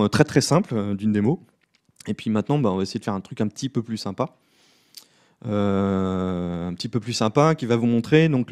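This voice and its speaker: A man giving a live coding talk at a conference, relaxed and self-deprecating, with many fillers. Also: lowish voice. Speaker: conference speaker. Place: conference room.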